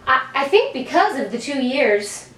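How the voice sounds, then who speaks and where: A woman's voice: high voice, sing-song, normal speed, a bit bright. A woman in her forties from New Jersey, a guest talking candidly in a casual chat. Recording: roomy distant mic.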